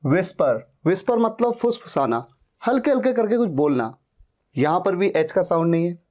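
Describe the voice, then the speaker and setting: A man's voice: high voice, big pitch swings, moderate pace, darkish tone. A man teaching an English pronunciation lesson, patiently spelling out words and repeating them. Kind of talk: slow spoken-English lesson.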